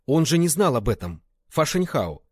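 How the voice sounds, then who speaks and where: A tipsy young man, stubborn and torn by guilt, pleads in a strained, raised voice. A man acts him out in a storybook reading, his tone husky and breathy. The sound is dry and close. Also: on the high side, big pitch swings, moderate pace, no room sound, pitched above the performer's own voice. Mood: pleading.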